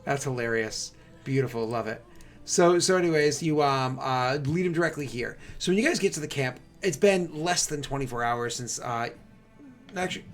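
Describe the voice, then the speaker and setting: A man working as game master, improvising tabletop game narration in a chatty, rambling way with conversational asides. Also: mid-range voice.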